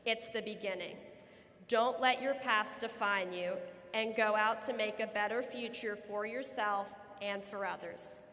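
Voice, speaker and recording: A woman's voice: mid-range voice, fairly even intonation, a little slow, pushed and bright. A young woman in her late teens giving an earnest, prepared podium speech as a student at graduation. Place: large indoor room at a graduation ceremony. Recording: long hall reverb.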